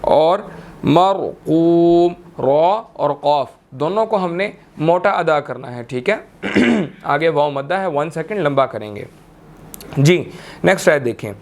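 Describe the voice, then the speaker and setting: A man's voice: on the high side, animated. A young man teaching how to recite a scripture, chanting each verse and then explaining the pronunciation rules patiently, step by step. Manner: patient step-by-step explaining, often checking in with "okay"; drawn-out melodic chanting when reciting verses.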